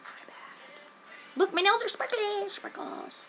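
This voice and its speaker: A teenage girl rambles hyperactively in a casual webcam vlog shot at home, jumping from topic to topic and sounding sniffly from a cold. Her voice is extremely high and a bit bright, yet unhurried. The recording is rough, with soft music in the background.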